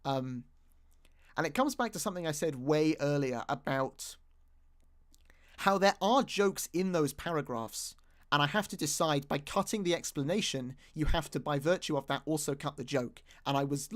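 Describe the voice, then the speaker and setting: A man's voice: fairly high pitch, expressive, normal speed. A British man giving casual, rambling commentary as he rewatches his own video, often restarting his sentences and poking fun at himself. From Britain. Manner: rambling, self-mocking, many restarts. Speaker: YouTube creator.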